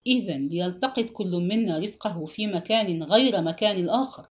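A woman's voice: medium pitch, brisk, close to an everyday voice. A woman voicing a blunt, irritable old aunt in a storybook, speaking sharply.

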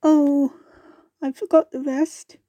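A small, thoughtful bumble wasp, put on by a woman reading a storybook, slow and hesitant, her voice lifted a little higher than the narration. She muses aloud and stammers now and then, in a mellow, dry close-up sound. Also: little pitch movement, dry recording. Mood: dreamy. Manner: hesitant, dreamy, stammering at times.

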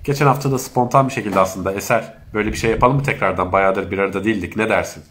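A man's voice: fairly low pitch, fairly even intonation, racing, a bit bright, a little hiss or hum. Stuffy-nosed man hosting a casual live chat. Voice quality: congested, stuffy nose. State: stuffy, runny nose from allergy. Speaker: host of an online live chat.

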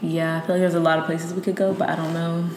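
A woman's voice: fairly low pitch, little pitch movement, fast talker. A young woman co-hosting a podcast, chatting casually with slang, recorded in an apartment kitchen. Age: young adult. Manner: informal, slangy. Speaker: podcast co-host. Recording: echoey room, clear ambient noise.

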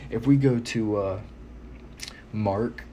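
Guy preaching kinda casual but earnest, lowish voice, repeats himself to drive it home, bit of noise behind. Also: takes it slowly. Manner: earnest, exhorting, repeats phrases for emphasis. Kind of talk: informal sermon to listeners. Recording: noticeable background noise.

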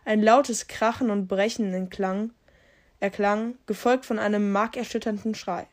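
A woman's voice: mid-range voice, fairly even intonation, measured pace. Casual woman reading a story aloud. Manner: reads with slips and self-corrections. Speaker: podcast host reading a story.

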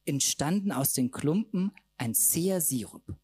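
A man's voice: on the high side, lively intonation, measured pace, darkish tone, breathy edge, no echo. A man reading aloud from his own comic novel at a literature festival, camp and mocking in tone.

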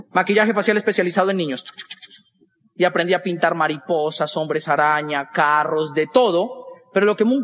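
Fast-talking Colombian stand-up comedian. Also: male voice, sits high, big-room sound. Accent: Colombian Spanish. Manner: animated, acts out dialogue with quick voice switches. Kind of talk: stand-up storytelling.

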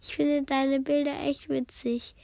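A woman's voice: high-pitched, little pitch movement, a little slow, creaky, mellow, no room sound. A woman voicing a friendly, curious schoolboy in a children's story read aloud, talking in a chatty way.

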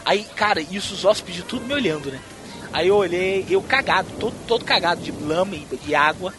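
A man from Brazil telling a wild story in a casual, profane and animated way, acting out what people said. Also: high-pitched, a little fast, over music. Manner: profane, animated storyteller who acts out quotes. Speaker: podcast host.

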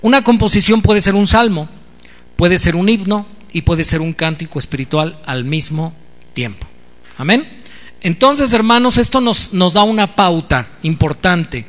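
A man's voice: sits high, animated, unhurried, a bit bright, in a large hall. A man preaching a teaching sermon, who repeats key words for emphasis and keeps calling out amen to the congregation.

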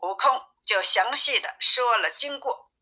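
Woman storyteller, storybook reading, very bright tone, higher pitch, plain even delivery. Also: unhurried. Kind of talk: storybook reading of a classic tale.

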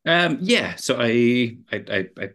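A man's voice: mid-range voice, big pitch swings, takes it slowly, fairly bright tone. A man chatting casually as an interview guest, hesitant and often repeating words as he thinks. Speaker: podcast guest, runner.

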